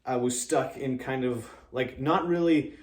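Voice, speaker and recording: A man chatting informally as he explains a vocal technique, halting and modest as he searches for words. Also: mid-range voice, reverberant. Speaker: amateur vocalist and drummer giving a tutorial. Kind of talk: casual explanatory vlog chat.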